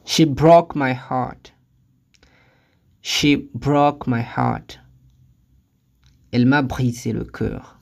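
Very slow, deliberate lesson reader. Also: medium pitch, creaky. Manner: says each phrase twice, then its translation; careful, deliberate delivery. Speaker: language teacher. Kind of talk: slow phrase-by-phrase lesson reading.

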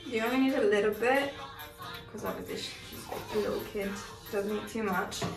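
Recorded from a distant camera, a young woman with a mid-range voice speaks at normal speed while doing her toddler's hair. She is chatty and instructive, fixing her own words as she explains each step, in a Christmas-decorated living room with echo and music behind her.

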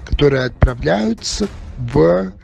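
A man playing a haughty, dismissive drag diva in a campy manner, with a creaky voice, announcing votes in a parody contest. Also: on the high side, lively intonation, takes it slowly, darkish tone, heavily acted.

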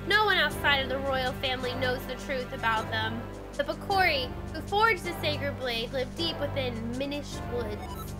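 A woman's voice: high voice, lively intonation, normal speed, hardly any pauses, over loud music. A woman voicing a grave, earnest old king in a fantasy video game.

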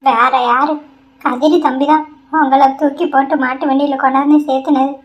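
A woman plays an anxious village wife in a cartoon, explaining urgently in a high voice. The recording sounds dull and lo-fi. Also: level tone, a little fast, close to an everyday voice. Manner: earnest, explaining. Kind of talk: Tamil cartoon voice acting. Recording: dull lo-fi audio.

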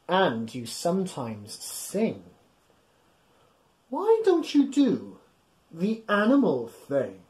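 This children's storytime host, a man in his thirties with a high voice, is heard through poor audio from a small room at home. He reads a picture book interactively, exaggerating playfully, urging young listeners on and animatedly acting out the scenes.

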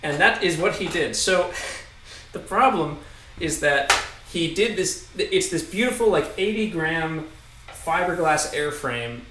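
A young man with a slightly high voice chats loosely while cooking, reading out viewer messages between laughs. He sits back from the mic in an echoey kitchen, under loud background noise. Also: a little slow, recorded from a distance. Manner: relaxed, laughing, reads viewer messages aloud. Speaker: host. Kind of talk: casual livestream chat. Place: home kitchen, indoors. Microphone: far camera.

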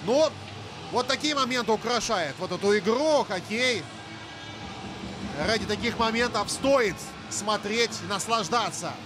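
A man with a rather high voice commentates live on a hockey match. Clear ice-rink noise runs behind his speech. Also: measured pace. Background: noisy ice rink ambience.

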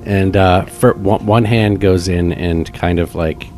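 A man's voice: low-pitched, steady tone, unhurried, a little mellow, soft background music. A man playing a character in a tabletop game, describing actions in a casual, playful way. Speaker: player.

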